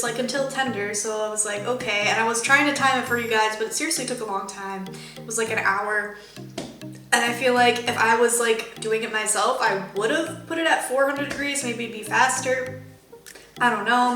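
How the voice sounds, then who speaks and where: A woman's voice: on the high side, sharp tone. A woman chatting casually through a vegan cooking demo at home, gushing about the food and filling her talk with "um" and "like.". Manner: chatty, full of fillers like "um" and "like". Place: home kitchen. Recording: echoey room with background music.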